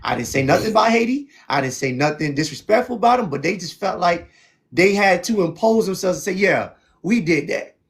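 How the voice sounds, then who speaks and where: A man's voice: high-pitched, expressive, fairly quick, gravelly. A man from South Florida, hosting a heated debate on a stream and talking in an emphatic, preachy way. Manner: emphatic and preachy, repeats "see what I'm saying". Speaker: show host.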